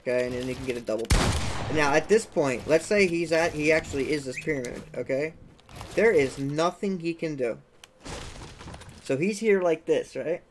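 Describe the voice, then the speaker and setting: Young male gaming tutor, slightly high voice, casual, faint background hiss. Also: normal speed. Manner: chatty, keeps checking in with "okay?" and "right?"; sound effects like "boom" while demonstrating. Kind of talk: casual walkthrough commentary.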